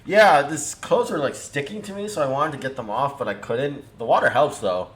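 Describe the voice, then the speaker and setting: A man's voice: medium pitch, fairly quick, fairly bright tone, close to an everyday voice. A man voicing an overheated, oblivious adventurer who whines breathily about the heat. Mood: sheepish.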